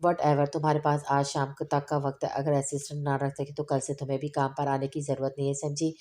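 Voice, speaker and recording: A woman's voice: sits low, completely flat delivery, fairly quick, warm tone, lightly acted. A woman voicing a short-tempered young woman who speaks curtly, in a storybook reading. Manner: curt, cold.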